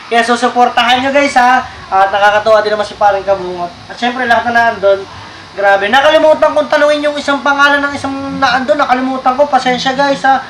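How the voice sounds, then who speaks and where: A man's voice: extremely high pitch, fairly quick, a bit bright. A man hosting his own vlog outdoors by the sea, chatting casually and thanking his viewers often. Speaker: vlogger host. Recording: echoey with faint noise.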